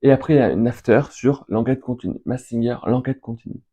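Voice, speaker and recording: A young man hosts a casual question-and-answer chat in a mellow, relaxed voice. He rambles with enthusiasm and reels off long lists of names, pausing between them. His pitch sits in the middle of the usual range. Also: breathy edge, muffled recording. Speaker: fan video host answering viewer questions.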